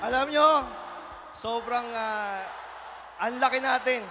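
A man's voice: extremely high pitch, slow pace, music in the background. A man co-hosting an event, chiming in with short agreements and addressing the crowd. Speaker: co-host.

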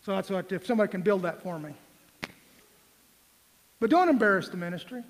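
A man's voice: high voice, animated, fairly quick. A man in his forties preaching a sermon in a church, folksy and joking, then pressing the room with emphatic questions. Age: 40s. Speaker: pastor. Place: church sanctuary. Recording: long reverb of a church hall.

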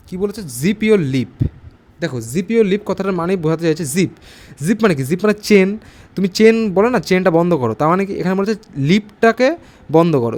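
A man teaching an exam-prep English grammar lesson, explaining step by step, reading English sentences slowly and often asking whether students understood. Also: high voice, a little mellow. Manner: explains step by step, asks frequent check questions.

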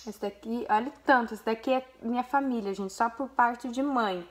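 A young Brazilian woman, who is a mother and vlogger, gushes to her viewers about a photo album she's showing them in a casual clip. Her voice leans high, her pace is moderate, and her accent is Brazilian Portuguese.

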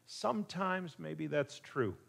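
A man's voice: a little high, lively intonation, slow, gravelly, a bit bright, husky. A man, a pastor, preaching a conversational sermon full of rhetorical questions. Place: church.

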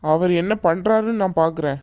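A woman's voice: lowish voice, brisk, highs cut off, close to an everyday voice. A woman voicing a determined young man in a cartoon, the groom-to-be, reassuring and confident.

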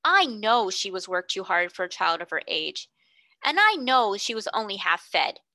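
A woman's voice: sing-song, moderate pace, sharp tone, no echo. A woman reading voices a timid middle-aged schoolmistress who breaks into tearful hysterics. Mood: timid pleading. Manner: tearful, pleading, rising to shrill outbursts.

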